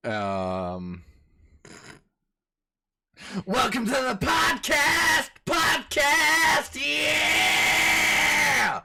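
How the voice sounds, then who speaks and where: A young man putting on a loud, overexcited announcer voice to shout the podcast intro. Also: low voice, wildly swooping pitch, clear, resonant tone, voice pushed down, exaggerated voice. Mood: hyped. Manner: shouty, hyped, drawn-out.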